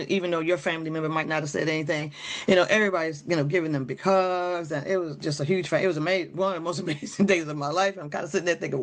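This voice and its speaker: A middle-aged woman tells stories as a guest on a podcast. She talks in a lively, animated way and slips into voices for the people she quotes. She laughs often. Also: sits low. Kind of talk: animated storytelling in a podcast chat.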